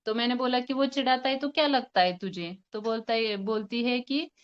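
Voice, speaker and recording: A young homeopathic doctor with a smooth, fairly high voice presents a case to a forum of colleagues at a moderate pace. Through slightly muffled lo-fi audio, she retells a patient consultation, quoting both sides with hesitant fillers.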